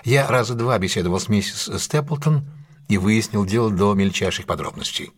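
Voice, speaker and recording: In an audio drama, a male actor with a fairly low, husky voice plays a brilliant, assured detective. He delivers an expository monologue, laying out the case deliberately, emphatically and analytically.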